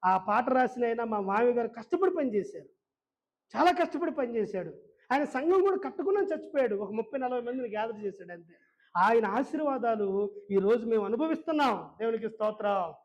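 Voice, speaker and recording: A man's voice: extremely high pitch, animated, brisk, muffled recording. A male pastor preaching a sermon in a church, emphatic and firing rhetorical questions at the congregation.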